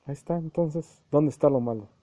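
Very dark-voiced man preaching a sermon. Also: on the high side, brisk, dry recording. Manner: addresses listeners as little brothers, repeats himself, acts out quoted dialogues. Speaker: spiritualist medium preaching. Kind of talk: channeled spiritual sermon.

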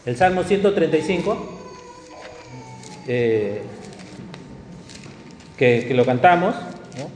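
A man preaching a sermon in a conversational, animated way, acting out the voices of people he quotes. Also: a little high, takes it slowly, pauses often, soft background music. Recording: echoey hall with faint room noise.

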